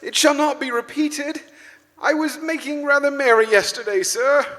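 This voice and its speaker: Man playing timid, high-voiced clerk Bob Cratchit. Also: normal speed, sharp tone. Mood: anxious, apologetic. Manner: timid, stammering, deferential. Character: meek, nervous, apologetic male office clerk. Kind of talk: live radio play acting. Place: large church, live performance. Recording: distant, echoey church hall.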